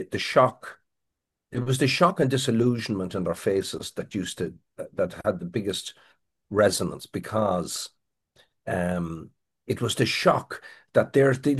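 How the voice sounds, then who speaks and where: Husky deep-voiced Irish man telling stories. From Ireland. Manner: rambling anecdotal storytelling with restarts. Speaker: guest, crime writer. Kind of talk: storytelling in an interview.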